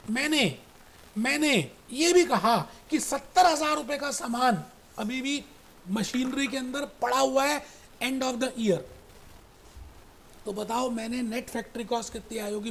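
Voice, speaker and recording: Animated male accounting teacher. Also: very high-pitched, unhurried. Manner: animated storytelling, repeats points, calls students "beta". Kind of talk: recorded classroom lecture.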